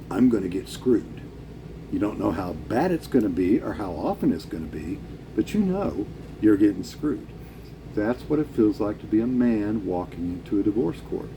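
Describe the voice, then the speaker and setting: A man's voice: lowish voice, background noise. A middle-aged man with an American accent talking casually and opinionatedly in a blunt, salty biker style. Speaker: vlogger answering a viewer's question.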